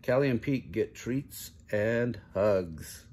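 An older grandpa reads picture books aloud to kids in a living room, his husky, lowish voice slow-paced, animated and darkish. He chuckles often and adds casual asides, asking the listening children questions.

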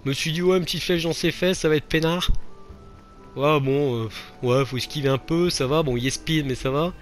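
A man's voice: fairly high pitch, moderate pace, faint music behind. Self-mocking French-speaking man narrating gameplay. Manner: self-mocking, exclaims and laughs at his own failures. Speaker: let's play host. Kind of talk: gameplay commentary.

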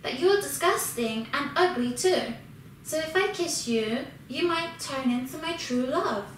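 A fussy, disdainful young princess from a children's storybook, read by a woman in a high voice. It sounds from a distance in a very echoey room with a faint hiss. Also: lively intonation, unhurried, a bit bright.

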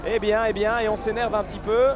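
A man giving excited football commentary as a match commentator, his voice surging with the play. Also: high voice, fairly quick, music in the background. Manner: voice surges on chances and goals.

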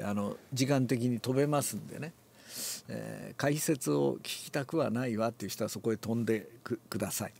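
An older man, relaxed and musing aloud, explains a classical Japanese text before reading it aloud and demonstrates with his voice. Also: on the high side, creaky. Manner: relaxed, talks to himself, demonstrates accents aloud. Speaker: reading teacher.

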